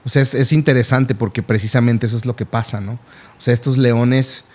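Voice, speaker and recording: A man's voice: mid-range voice, fairly even intonation, fairly quick, darkish tone. Man, podcast co-host, conversational Bible teaching, agreeable and explanatory. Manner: affirming, explains scripture in a conversational way. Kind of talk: casual Bible discussion.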